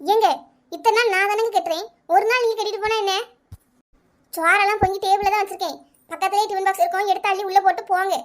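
A woman's voice: extremely high pitch, fairly even intonation, fast. A woman voicing an indignant village housewife who argues back in a cartoon comedy, with a Kanyakumari Tamil accent. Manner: arguing, defensive.

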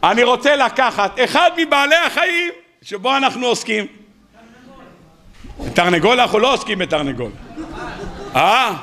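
A man with a high, bright, forceful voice gives a Torah lecture to a live audience. He chants scripture slowly and breaks off for quick joking asides. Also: lively intonation. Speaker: rabbi.

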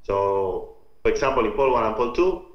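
A man from Spain's Basque Country with a Basque Spanish accent, giving an informal scientific lecture in a halting, step-by-step explanatory way. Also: on the low side, expressive. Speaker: researcher presenting own work. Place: remote talk over video call. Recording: muffled, roomy video-call audio.

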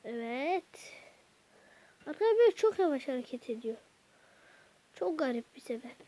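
A woman hosting a gaming channel, chatting to her viewers while she plays, with sudden excited outbursts at the game. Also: high voice, normal speed. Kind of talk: let's-play gameplay commentary. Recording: dull lo-fi recording.

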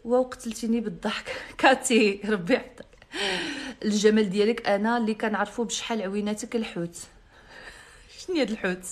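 A woman's voice: mid-range voice, steady tone, fairly quick. A young woman with a Moroccan Arabic accent, hosting a live stream in a brash, mocking and boastful way. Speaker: live-stream host selling products.

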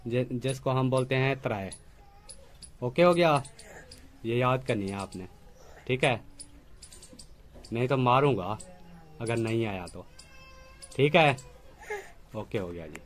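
A man's voice: mid-range voice, animated, takes it slowly, long pauses. A man vlogging at home, patiently quizzing a child on letters and numbers and calling out to the children at play. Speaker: family vlogger. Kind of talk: casual home vlog.

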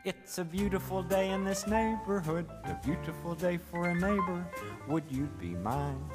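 A man singing a gentle children's-style song. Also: high-pitched, lively intonation, moderate pace, music in the background.

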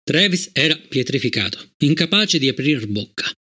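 A man narrating an audiobook in a measured, even storytelling manner. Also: medium pitch, slightly rough. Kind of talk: scripted narration.

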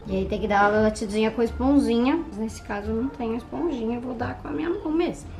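Young woman, vlogger, casual chat, excitable, slightly high voice. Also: quick pace, noisy background. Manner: excitable, gushing and chatty.

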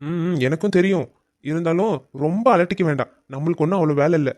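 Guy voicing cartoon husband who teases his wife, quick talker, slightly high voice. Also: a little mellow, dry recording, natural voice. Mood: teasing. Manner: dry, mocking. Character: teasing middle-aged husband, dismissive. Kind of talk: animated cartoon family drama.

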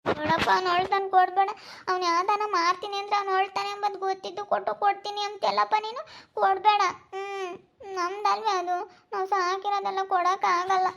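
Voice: extremely high pitch, level tone, brisk, creaky, bright, forceful tone, full character voice. A girl playing a soothing big sister. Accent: Hiriyur rural Kannada. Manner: soothing, coaxing. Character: caring elder sister comforting her brother.

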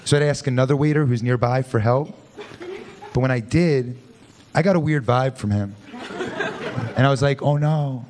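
A man in his thirties doing a dry, deadpan stand-up set on a club stage, speaking into a handheld mic. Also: mid-range voice, normal speed, long pauses. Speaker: stand-up comedian. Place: comedy club stage before a live audience. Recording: loud club crowd and noise. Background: loud audience laughter.

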